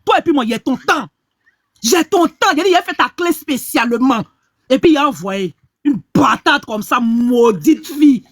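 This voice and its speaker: A woman's voice: high voice, expressive, no echo, studio quality. A woman hosting a gossip live stream, scornful and insulting. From Ivory Coast. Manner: scornful, insulting, talks fast.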